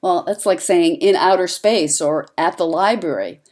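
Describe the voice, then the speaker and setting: A woman, a journalism instructor, narrating an instructional lesson in a clear, conversational teaching manner. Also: lowish voice, normal speed, darkish tone.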